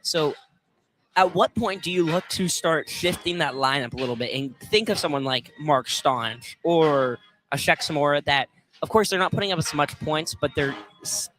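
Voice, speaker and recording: Over the noise of a live gym broadcast, a radio color commentator breaks down basketball plays in a conversational, tentative manner. His voice is on the high side with a fairly bright tone, moving at a moderate pace.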